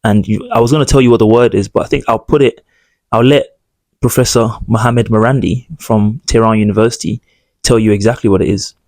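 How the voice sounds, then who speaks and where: A man's voice: on the low side, fairly even intonation, a little fast, a little mellow, no room sound. A man hosting his own channel, giving emphatic, indignant commentary on news clips in long run-on sentences. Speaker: political commentary host.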